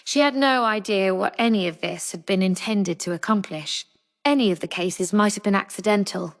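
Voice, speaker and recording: A woman reading a novel aloud as an audiobook narrator, measured and even. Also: medium pitch, long reverb tail.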